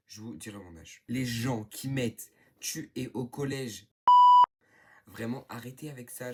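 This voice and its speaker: A man's voice: mid-range voice, a little mellow. A teenage boy from northern France answering viewer questions in a casual, rambling vlog, full of fillers. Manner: chatty, rambling, lots of fillers. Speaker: YouTuber.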